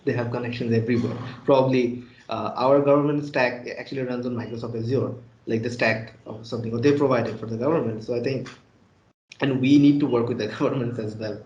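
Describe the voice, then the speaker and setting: A man's voice: mid-range voice, steady tone, fast talker, darkish tone, echoey room, muffled recording. A man from Bangladesh, a startup founder answering interview questions conversationally, often restarting and adding "right?". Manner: explains with frequent restarts and "right?" tags.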